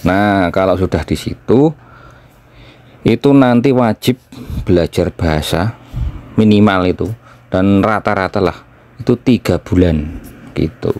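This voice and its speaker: A man from Indonesia explaining things in a casual chat as he eats, with pauses between phrases. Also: sits low, darkish tone. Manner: talking while eating, with pauses. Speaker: vlogger, former trainee in Japan.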